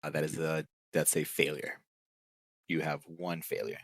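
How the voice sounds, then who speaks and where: A man acting as game master in a tabletop game, narrating over an online call in a relaxed way with many fillers. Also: a bass voice, a little slow, noisy background.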